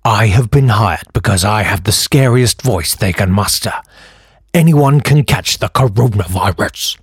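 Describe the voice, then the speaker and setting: A man voicing a menacing government announcer in a disguised deep voice, as a spoof public announcement. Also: unhurried, slightly rough, no echo, clean studio sound, full character voice. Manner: disguised deep voice, put on to sound as scary as possible.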